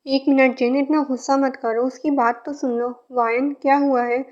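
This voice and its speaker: Calm, reassuring young woman in a fanfic read, voiced by a woman; high-pitched, lo-fi. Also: moderate pace, close to an everyday voice. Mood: soothing. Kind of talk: fan fiction reading. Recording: muffled lo-fi recording.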